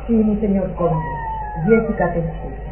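A woman's voice: medium pitch, normal speed, natural voice. Woman as devoted, eerie housekeeper, tinny radio sound. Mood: reverent. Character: haughty, devoted ghostly housekeeper serving a vampire count. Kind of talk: old radio drama acting. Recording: tinny old radio, loud music behind.

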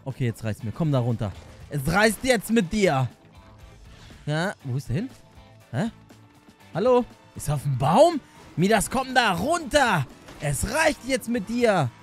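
A young man giving hectic, jokey running commentary on his gameplay, often pleading with the game. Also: high-pitched. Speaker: gaming YouTuber.

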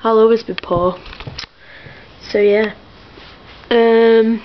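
A woman's voice: a little high, fairly even intonation, very slow, lo-fi sound, a little hiss or hum. A young woman chatting aimlessly to her camera in her bedroom, full of fillers, giggles and side remarks. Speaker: vlogger. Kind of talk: rambling casual vlog.

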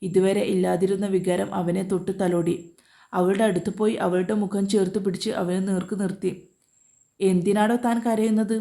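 A woman reading a romance story aloud at an even, gentle pace. Her voice is mellow and warm, and her delivery is calm and steady. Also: mid-range voice, fairly quick, gravelly. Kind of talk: scripted narration.

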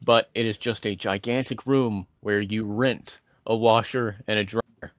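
A man's voice: fairly low pitch, steady tone, unhurried, no echo, dull audio. A man from Indiana, podcast co-host, telling chatty, winding stories with self-deprecating asides. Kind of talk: casual nostalgic storytelling.

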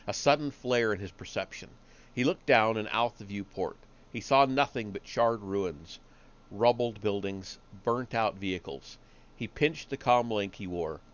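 A man reading a story aloud on a live stream, steady but with small slips and restarts. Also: lowish voice, muffled recording.

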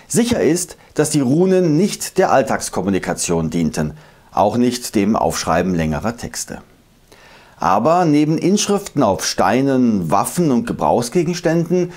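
A man narrating a scripted history lesson, explaining emphatically and slowing down to recite old verses. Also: medium pitch, darkish tone. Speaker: history video host.

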